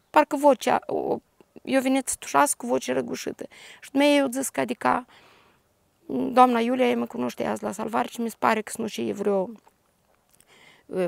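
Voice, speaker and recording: An older woman with a Moldovan Romanian accent, a grieving grandmother giving a halting, detailed personal testimony. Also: on the high side, vocal fry, no room sound. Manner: halting, detailed retelling with restarts.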